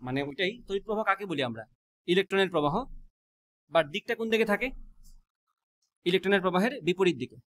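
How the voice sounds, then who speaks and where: A man teaches a physics class, quizzing students with quick rhetorical questions and mixing English math terms into his speech. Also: high-pitched, lively intonation, fairly bright tone. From Bangladesh.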